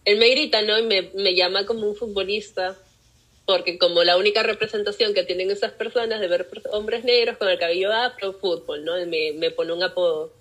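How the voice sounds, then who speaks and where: A young Peruvian woman with a Peruvian Spanish accent tells her own story as a guest on a podcast interview. Her medium-pitched voice moves a little fast, and she animatedly acts out the voices of the people she quotes. The recording is rough.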